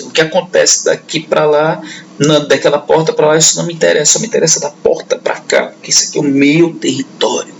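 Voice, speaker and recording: Gravelly male teacher. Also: on the high side, slight background noise, low-quality recording. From northeastern Brazil. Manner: conversational, checks in often with "né" and "ok". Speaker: history teacher. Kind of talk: classroom lecture.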